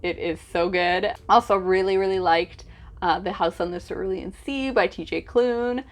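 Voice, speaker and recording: A woman hosts a casual, chatty book vlog in a medium-pitched voice at normal speed. She is informal and gushing, hesitating often with lots of filler "like" asides and heavy emphasis.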